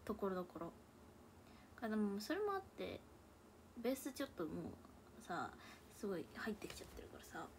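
A woman's voice: medium pitch, sing-song, fairly quick, a little hiss or hum. A young woman with a Hakata dialect mixed with Kansai, chatting casually on a livestream from a room at home and often dropping into murmured asides to herself. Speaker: idol livestreamer. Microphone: tablet or phone device.

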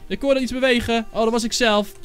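Young male gaming host, high bright voice, excitable and rambling, faint game music underneath. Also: fairly quick, smooth. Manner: excitable, shouts and yells when angry at hackers; casual, rambling, with many fillers. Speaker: gaming YouTuber. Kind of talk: live Minecraft gameplay commentary.

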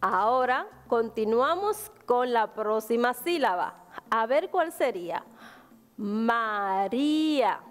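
A woman's voice: fairly high pitch, very animated, unhurried, in a large hall. A woman with a Dominican Spanish accent teaching a virtual class to young children, spelling out syllables patiently and answering her own questions. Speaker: primary school teacher.

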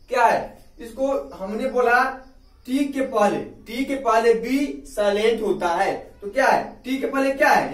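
High-voiced Indian man teaching, echoey. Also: recorded from a distance. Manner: repeats questions and answers them himself. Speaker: English teacher. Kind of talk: video lesson. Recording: echoey room, off-mic.

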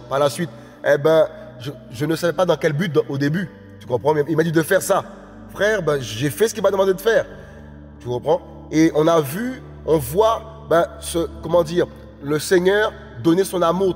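A man preaching an evangelical sermon, often asking his listeners if they understand, dropping low and soft at phrase ends and rising to impassioned shouts. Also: long reverb tail. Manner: repeats "tu comprends?" often, drops low and quiet at phrase ends; rises to impassioned high shouts, speaking in tongues.

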